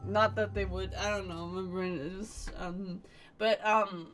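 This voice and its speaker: A woman's voice: mid-range voice, fairly even intonation, slow, a bit bright, faint music behind. A young woman streaming a game, giving rambling, sarcastic casual commentary.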